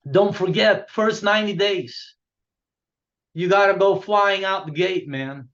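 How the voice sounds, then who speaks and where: A man's voice: sits high, a bit bright, lo-fi sound. A man giving a punchy motivational talk to a sales team, repeating himself and asking "okay?" after each point. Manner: punchy, repetitive, asks "okay?" a lot. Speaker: business coach.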